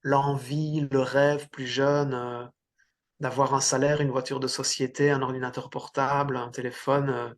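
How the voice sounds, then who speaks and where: A middle-aged Belgian coach, appearing as an interview guest, talks about his career in a casual setting. His medium-pitched voice is flat and a little slow, and he hesitates often, restarting and using many fillers.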